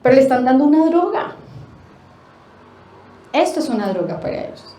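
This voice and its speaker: A Colombian woman giving a lecture at a family forum, animated, asking rhetorical questions and acting out quotes. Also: high-pitched, moderate pace, reverberant. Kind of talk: lecture to an audience. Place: forum hall.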